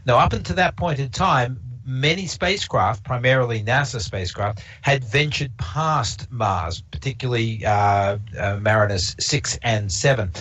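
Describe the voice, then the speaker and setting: Over slightly dull lo-fi stream audio, a Canadian man with a non-English first language delivers a casual observatory talk, rambling with frequent fillers and restarts. His medium-pitched, somewhat bright voice moves at a moderate pace with few pauses.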